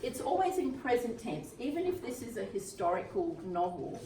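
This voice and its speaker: A woman's voice: fairly high pitch, big pitch swings, moderate pace, noisy background. An Australian woman presenting a writing workshop in a chatty way, laughing at her own asides. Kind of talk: live workshop talk. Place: workshop room at a retreat. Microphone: distant room mic. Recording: echoey room, voice from far off.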